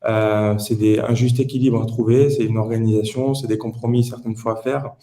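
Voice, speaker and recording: Speaking at a normal speed, he has a lowish, dark voice with a level tone. He's a late-twenties entrepreneur from Toulouse, southern France, chatting through his answers as a podcast guest.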